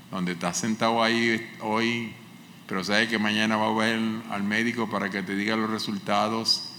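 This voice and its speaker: A male pastor preaching a sermon with passion, swinging from loud cries to hushed, pleading lines. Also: fairly low pitch, a little hiss or hum. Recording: echoey hall with faint ambience.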